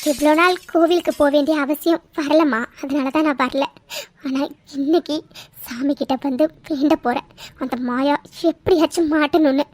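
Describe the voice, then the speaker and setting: A woman's voice: high-pitched, steady tone, normal speed, no echo, natural voice. A woman voicing a pleading cartoon sister-in-law. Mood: scheming. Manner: pleading, swearing oaths. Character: scheming adult sister-in-law, tearful and pleading. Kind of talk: cartoon voice acting.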